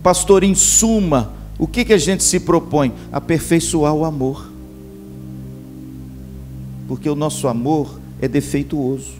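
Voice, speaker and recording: A man's voice: a little high, normal speed, few pauses, over music. A middle-aged male pastor preaching a sermon at a church camp, speaking to his listeners as brothers. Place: church camp meeting hall.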